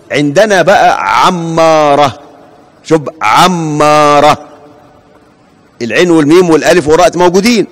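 Egyptian male professor, fairly high voice, drills students with questions, slow repeated names, echoing hall. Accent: Egyptian Arabic. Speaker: hadith professor. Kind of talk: classroom lecture. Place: large mosque hall. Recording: long hall reverb.

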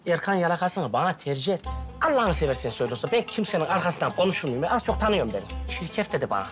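A man's voice: a little high, big pitch swings, racing, a bit bright. An actor playing a lovesick, hot-headed young man who complains dramatically in a sitcom. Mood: self-pitying. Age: young adult. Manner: dramatic, exaggerated, whiny outbursts. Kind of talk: TV sitcom acting. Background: background music.

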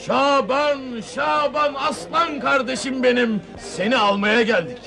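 An actor playing a gruff, bossy tough-guy football club boss in a comedy film, barking orders and threats. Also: high voice, animated, normal speed, fairly bright tone. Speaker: team manager. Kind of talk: 1970s comedy film dialogue.

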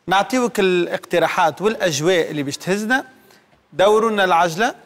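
Fast-talking Tunisian TV host. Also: male voice, high voice, a bit bright. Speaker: talk show host. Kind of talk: quick TV talk show hosting.

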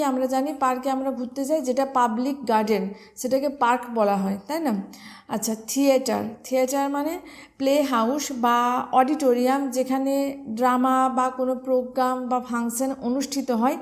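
Bengali lady teacher, high voice, goes over vocab words and spells them out for exam prep. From West Bengal, India. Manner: explains step by step, spells words letter by letter, asks and answers own questions.

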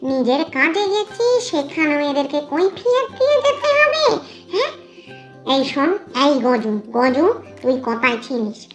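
A woman's voice: high voice, very animated, normal speed, faint music behind. A woman voicing a scolding ghost maid. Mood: indignant. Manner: grumbling, scolding, rustic speech. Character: sharp-tongued female ghost servant, fed up. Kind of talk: cartoon story voice acting.

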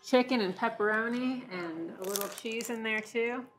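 A woman's voice: fairly high pitch, moderate pace, slight background noise, poor audio. A woman in her forties, a restaurant owner, talking in a friendly, chatty way during a casual sit-down interview in a restaurant booth. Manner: friendly, chatty, laughs easily. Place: brick-walled restaurant booth, indoors. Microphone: lapel mic.

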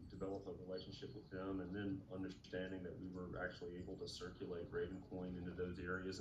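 A very deep-voiced man talks casually on an online community call, stopping often with ums and restarts. His audio is muffled and noisy. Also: roomy sound. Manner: hesitant, many fillers and restarts. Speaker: community member giving an update.

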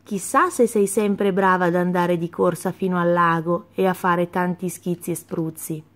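A woman doing a kindly old grandfather goose from a storybook. He speaks softly, often in a hushed, coaxing way. The voice stays gentle and patient. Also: fairly low pitch, steady tone, normal speed, natural voice.

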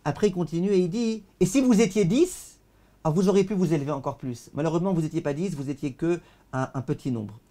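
High-voiced rabbi teaching over video call. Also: male voice, quick pace. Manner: declaims passages loudly, then translates them in a calmer voice; repeats words while searching for them.

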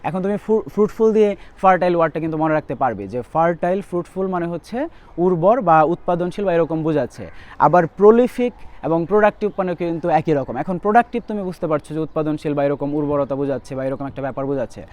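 A young man teaching vocabulary for admission tests, repeating word lists quickly as a tutor. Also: a little high, animated, darkish tone. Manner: rapid, repetitive drilling of word lists. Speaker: English tutor. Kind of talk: admission test vocabulary lesson.

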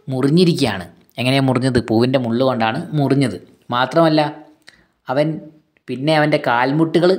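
A man explains a children's poem in a relaxed lesson, at an ordinary mid pitch. He is patient, repeats points and poses simple questions before answering them himself. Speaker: teacher.

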